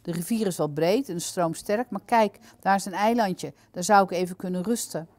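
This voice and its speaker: A woman's voice: lowish voice, normal speed, darkish tone, dry recording, lightly acted. A woman reading the lines of a thoughtful, determined young male hero in a storybook. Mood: pondering.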